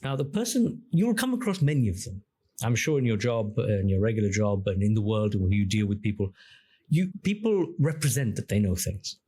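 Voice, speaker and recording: A husky-voiced man, a Greek-speaking engineer and app founder whose first language is Greek, appears as a podcast guest in a conversational interview. His voice is lowish, expressive, fairly quick and dark in tone, and he explains expansively, using questions and examples.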